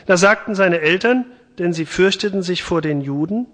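A man giving a sermon, retelling and reading a Bible passage in a chatty, lively way. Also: sits high, normal speed, long reverb tail. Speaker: preacher. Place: church.

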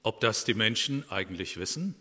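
A man's voice: fairly low pitch, expressive, fairly quick, bright, forceful tone, big-room sound. A man voicing a male ox in a read-aloud Christmas fable, talking bluntly. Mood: sheepish. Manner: blunt, later sheepish. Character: boozy, sleepy male ox in a fable.

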